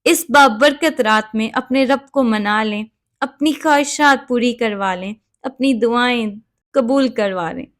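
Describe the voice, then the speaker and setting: A woman giving calm, measured step-by-step prayer instruction and reciting Arabic prayers along the way. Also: fairly high pitch. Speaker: religious instructor.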